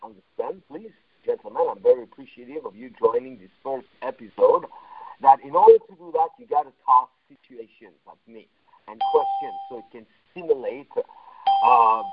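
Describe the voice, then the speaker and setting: A man's voice: mid-range voice, background noise. A man coaching on a conference call, blunt and emphatic, his voice muffled as if heard through a wall on a phone line. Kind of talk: motivational teaching monologue.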